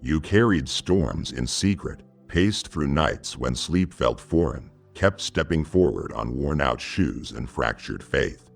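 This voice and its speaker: Very deep gravelly male devotional narrator. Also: animated, soft background music. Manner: solemn, measured, intimate address. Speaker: devotional narrator speaking as God.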